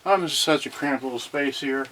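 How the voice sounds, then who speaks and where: A man hosts a rambling, unscripted livestream from a cramped room at home, unboxing cassette radios in a scattered, folksy way and often muttering to himself. His voice is medium-pitched and fairly bright, at a moderate pace, with slight hiss or hum on the recording.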